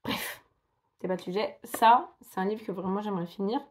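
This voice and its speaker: A woman's voice: medium pitch, moderate pace. A young woman in casual vlog chat, rambling and self-mocking with lots of fillers. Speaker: book vlogger.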